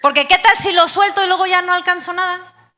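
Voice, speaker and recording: Lady pastor preaching live, high bright voice, big church echo. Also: a little fast. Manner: animated preaching, acting out quoted voices of believers. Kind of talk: sermon. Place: church hall. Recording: live church stream with long hall reverb.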